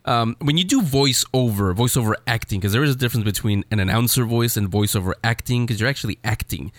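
Fast-talking man, dry sound. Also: medium pitch, no echo. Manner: quick, repeats words as he talks. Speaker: guest. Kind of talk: conversational podcast interview.

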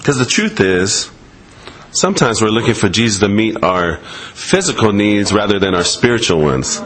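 A man's voice: on the low side, animated, moderate pace, a bit bright, low-quality recording. A man in his forties preaching a conversational sermon, acting out quoted voices in a playful way. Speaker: pastor.

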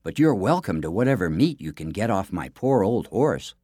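A man's voice: sits low, big pitch swings, normal speed, dark tone, slightly rough, no room sound, studio quality, heavily acted. A man voicing a plucky, earnest young prince in a near-ordinary voice.

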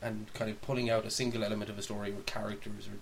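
Talking very fast in a lowish, level voice, another podcast co-host rambles through opinionated thoughts on films and games in a casual chat, thinking out loud. Clear hiss runs in the background.

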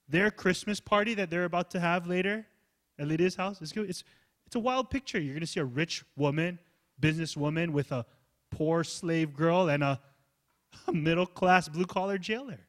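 A man preaching a sermon as pastor, swinging from loud emphasis to soft, low asides. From United States. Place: church hall.

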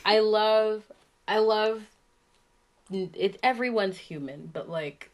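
A woman's voice: mid-range voice, takes it slowly. A woman co-hosting a podcast in casual chat, giggly and full of "like". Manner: giggly, filler-heavy, lots of "like". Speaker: podcast co-host.

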